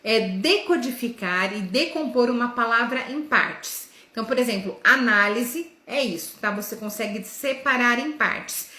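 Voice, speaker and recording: Woman, teacher's lesson, bright tense voice, didactic check-ins, sounds out syllables, echoey room. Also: a little high. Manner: sounds out letters and syllables slowly in demonstrations. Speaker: educator.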